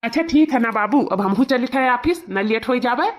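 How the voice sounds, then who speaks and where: This is a young cartoon husband, caring but a little bossy, with a Bhojpuri accent, voiced by a woman. His voice sits a little high for a man, and he talks in a fussing, commanding way. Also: expressive, normal speed, lightly acted.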